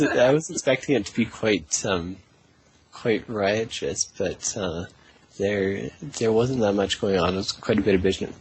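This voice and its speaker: Deep-voiced young man, hesitant. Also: a little hiss or hum, low-quality recording. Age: 20s. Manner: thoughtful, hesitant, many fillers. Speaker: political party representative, guest. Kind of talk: interview answers.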